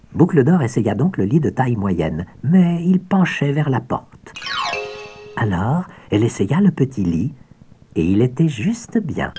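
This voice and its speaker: A man narrating a children's audiobook with expressive storytelling and soft asides. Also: medium pitch.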